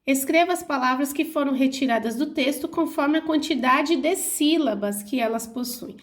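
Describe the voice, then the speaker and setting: A young adult woman teacher with a Brazilian Portuguese accent, slowly and clearly explaining workbook answers to her pupils. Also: high voice. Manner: slow, clear, didactic, spelling out syllables. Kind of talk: reading and explaining a school workbook.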